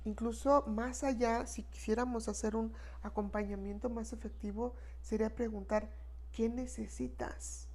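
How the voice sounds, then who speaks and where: A woman's voice: on the high side, fairly even intonation, normal speed, hardly any pauses, darkish tone. A woman, an expert guest explaining in an earnest, conversational way and tagging her points with a questioning "no?". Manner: earnest, repeats 'no?' tags, acts out quoted phrases. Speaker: expert guest on death and grief.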